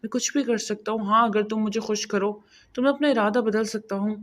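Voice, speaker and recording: A woman voicing a brooding, domineering young husband in a spoken romance novel, talking in a low, intense murmur. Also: lightly acted.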